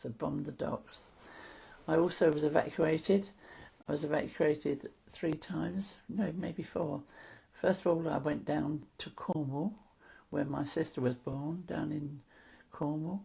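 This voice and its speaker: This is an old woman in her eighties with a London accent. Her voice is heavily creaky and husky, with a soft, dark tone. She talks casually about the past in a plain, matter-of-fact way. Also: deep voice, rough recording. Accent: London English. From London, England. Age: 80s. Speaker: interviewee. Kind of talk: casual reminiscence of wartime childhood.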